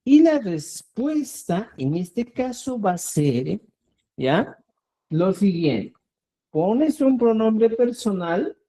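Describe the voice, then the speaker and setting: Man, slow teacher, lively rising and falling pitch, mellow tone, keeps checking in. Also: poor audio. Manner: patient, repeats words, checks in with "¿ya?". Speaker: Quechua language teacher. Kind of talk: online language lesson.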